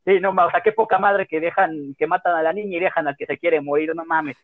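A young Mexican man casually telling a personal story, animated and full of slang and swearing. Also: on the high side, a little fast, dry recording. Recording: tinny phone-like audio.

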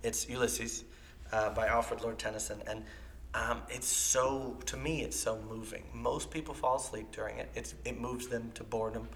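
A man talking as a podcast guest in an animated casual chat, his voice dropping at times to near whispers. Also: medium pitch, moderate pace, slight background noise.

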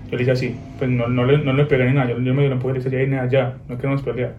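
A young man, telling an animated story in casual chat, full of slang. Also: rapid-fire, reverberant, narrow, tinny audio. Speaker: guest. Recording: noisy low-quality recording.

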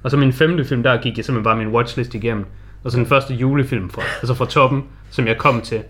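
A man's voice: medium pitch, fairly even intonation, fairly bright tone. A man with a Danish accent, co-hosting a podcast in casual, conversational film chat. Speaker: podcast co-host.

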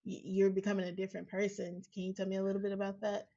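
A woman's voice: mid-range voice, flat delivery, fast talker, mellow. Hesitant woman host, muffled sound. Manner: hesitant, many fillers. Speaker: podcast host. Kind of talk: casual podcast interview.

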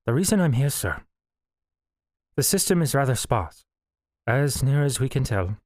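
A man's voice: medium pitch, big pitch swings, moderate pace, darkish tone, no room sound, studio quality, close to an everyday voice. A man voicing a young male first officer with a wry, teasing manner. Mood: earnest. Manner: smirking, playful.

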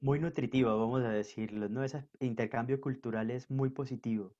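Earnest colombian guy guesting on a podcast, mellow voice, muffled audio. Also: medium pitch, fairly even intonation, moderate pace. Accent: Colombian, mixed coastal. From northern Colombia. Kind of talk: casual conversation.

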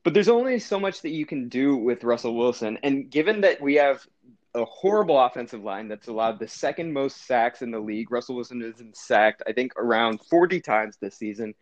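A man's voice: mid-range voice, a little fast, lo-fi sound. A man co-hosting a casual sports podcast, rambling and correcting himself as he talks through his team's season. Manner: rambling, self-correcting, animated. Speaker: podcast co-host.

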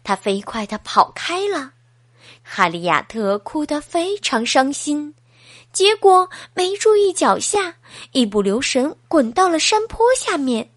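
A woman reading a bedtime story aloud to a child in a slow, sing-song, animated way. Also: high voice, no echo, studio quality.

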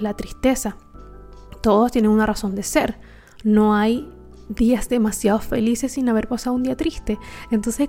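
Confiding woman with mellow voice. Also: on the high side. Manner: reflective, confiding, many fillers. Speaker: vlogger. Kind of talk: personal storytelling to viewers.

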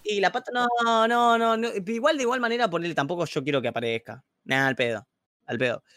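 Young man, Rioplatense accent, casual stream chat, slangy and animated, higher voice, dry sound. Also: quick pace, no echo. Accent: Rioplatense Spanish. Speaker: streamer guest.

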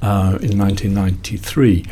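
Slight background noise sits behind this lowish, dark voice at a moderate pace. The speaker, a sixty-something psychologist and company founder from Liverpool, England, rambles reflectively through his career story in a casual interview, correcting himself often.

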